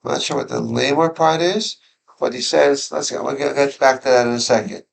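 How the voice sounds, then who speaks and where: A man's voice: medium pitch, a little fast, creaky, low-quality recording. A man teaching a classroom Torah lesson, talking conversationally, questioning his students, and often restarting his sentences. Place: school classroom.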